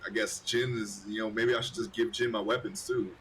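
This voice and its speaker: A man's voice: on the low side, steady tone, fairly quick, fairly bright tone. A man chatting casually while streaming a co-op game, rambling and repeating himself. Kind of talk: casual chat while gaming. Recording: faint background noise.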